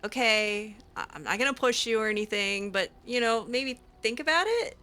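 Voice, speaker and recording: Voicing her player character, a young and curious female mage, a woman talks casually in character, hesitating and restarting often with many ums. Her fairly high voice is expressive, bright and forceful, at normal speed.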